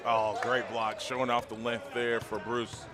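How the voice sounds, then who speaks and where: A man calling basketball play-by-play in quick, clipped calls of names and plays. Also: medium pitch, little pitch movement. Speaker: play-by-play commentator. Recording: loud background noise. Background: loud noise, clicks, basketball bounces.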